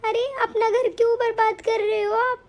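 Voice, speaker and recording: A woman voicing a mistreated young wife and mother in an animated story, earnest, pleading and tearful. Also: very high voice, moderate pace. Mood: defiant.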